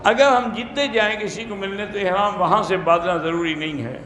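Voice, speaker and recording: A man, an Islamic scholar, giving brisk, plain-spoken answers to religious questions in a question-and-answer talk. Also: high-pitched, a bit bright, a little hiss or hum. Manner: plain-spoken, brisk, matter-of-fact rulings. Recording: echoey room.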